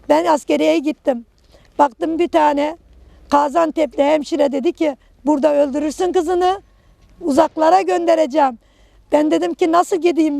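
A middle-aged woman tells her story in short, broken phrases. Her voice sits high and is heavily gravelly. The sound is dry and close. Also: dark tone, dry recording. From Kahramanmaraş, Turkey. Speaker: earthquake survivor interviewee. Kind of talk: personal testimony.

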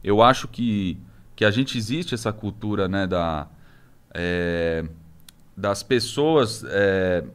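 A young Brazilian man with a Brazilian Portuguese accent, a podcast guest talking casually and haltingly with many restarts. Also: fairly low pitch, clear, resonant tone. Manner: hesitant, many restarts and fillers. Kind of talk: casual interview talk.

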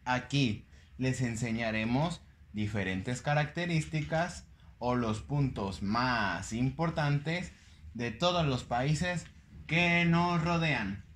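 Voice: lively intonation, slow pace, fairly bright tone, a little hiss or hum. A performer voicing a friendly twelve-year-old cartoon boy whose voice is breaking, presenting a children's lesson. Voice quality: deepening adolescent voice.

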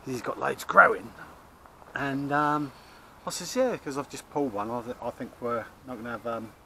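A man's voice: mid-range voice, normal speed, creaky, bright, forceful tone, slight background noise. A man, chatting casually and rambling through an allotment tour, recorded outdoors on an action camera. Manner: chatty, rambling, many restarts and fillers. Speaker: allotment vlogger. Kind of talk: casual chat. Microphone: action camera, held or chest-mounted.

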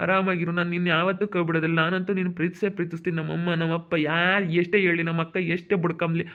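Fast-talking young man, reassuring. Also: sits high, little pitch movement. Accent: central Karnataka Kannada. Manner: reassuring, repetitive, soothing. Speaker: vlogger. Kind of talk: emotional couple conversation. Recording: tinny phone-like sound.

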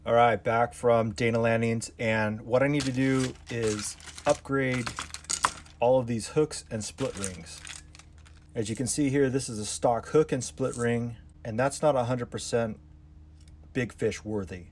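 A man's voice: mid-range voice, steady tone, measured pace, a little mellow, slight background noise. Man explaining fishing tackle. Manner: explanatory, hands-on, addresses viewers as guys. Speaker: fishing channel host. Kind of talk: casual tackle-prep vlog narration.

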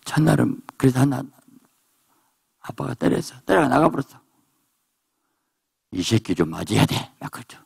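A man preaching a sermon at a prayer retreat, animated and acting out voices in quotes. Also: moderate pace, vocal fry, pauses often, husky. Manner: animated preaching, voices characters in quotes, jumps to high exclamations. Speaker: pastor.

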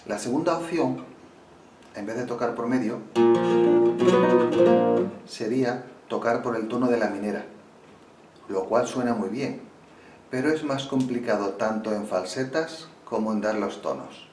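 A man explaining flamenco guitar keys in a calm, unhurried lesson. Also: medium pitch, distant mic. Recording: roomy sound from off mic with loud guitar.

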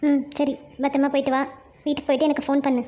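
A high, quick-talking cartoon young woman, voiced by a woman with a cheeky, teasing edge. She bosses younger kids around and mocks her friends lightly. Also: monotone, mellow, lightly acted. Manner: teasing and bossy. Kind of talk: cartoon voice acting.

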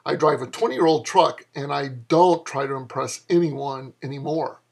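A man in his fifties dramatically reads his own dialogue-heavy fiction, voicing an older mentor's lines in a wry, exasperated way. His voice is fairly high, creaky, and husky, and he speaks at a normal speed.

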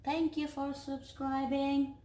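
Indonesian-accented young woman, family vlogger, high-pitched, unhurried, chatting to a phone in a room with reverb. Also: monotone, mellow, a little hiss or hum. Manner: cheerful sing-song baby talk with her toddler. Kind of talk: casual chat to camera. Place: living room, on a sofa. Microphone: phone camera at arm's length. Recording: echoey living room.

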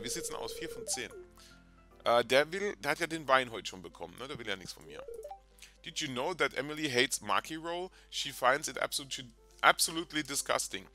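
A chatty, excitable man hosting a video game let's play and talking casually to his viewers. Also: medium pitch. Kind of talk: casual gameplay commentary. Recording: game music in background.

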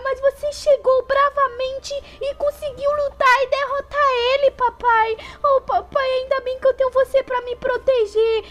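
A tiny, frightened baby dinosaur whimpers in a piercingly high, squeaky voice. Every line sounds whiny and close to tears as it clings to its father. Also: fairly bright tone.

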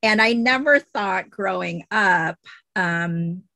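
A woman's voice: mid-range voice, slow, creaky, pushed and bright, dry recording. A woman in her thirties, a guest on a video-call interview at home, telling her story hesitantly with many fillers. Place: home room, indoors. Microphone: video call webcam.

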